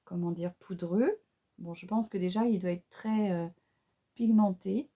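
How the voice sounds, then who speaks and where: Slow, mellow-voiced French woman vlogger. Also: medium pitch. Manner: hesitant, chatty, many fillers and restarts. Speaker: beauty vlogger. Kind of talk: makeup tutorial narration.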